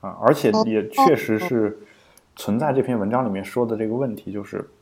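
Mellow-voiced man chatting on a podcast. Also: on the low side, a little fast, gravelly. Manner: thinks aloud, frequent fillers and restarts. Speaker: podcast co-host. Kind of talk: casual explanatory chat.

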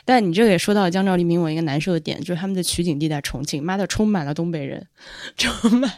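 A woman's voice: fairly low pitch, fast, darkish tone, dry recording, clean studio sound. A woman co-hosting a podcast, chatting casually and opinionated, laughing easily. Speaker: podcast co-host. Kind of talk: casual chat.

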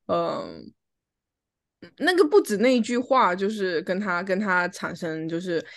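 A woman's voice: on the low side, very animated, a little slow, vocal fry. A woman chatting casually at home as a podcast co-host, telling a personal story and acting out the lines of an argument. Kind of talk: casual chat.

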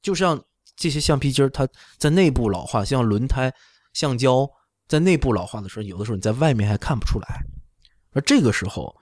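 A man's voice: medium pitch, expressive, brisk, a little mellow, no echo. Middle aged guy, doctor explaining stuff casually, keeps checking you follow, dry sound. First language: not Chinese. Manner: explanatory, often checking with "right?". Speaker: orthopedic doctor explaining on a talk show.

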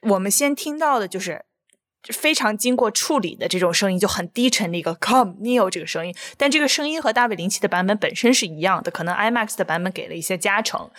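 A woman co-hosting a podcast in casual film discussion, retelling scenes in an animated way with sound words and acted-out lines. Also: medium pitch. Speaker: podcast co-host.

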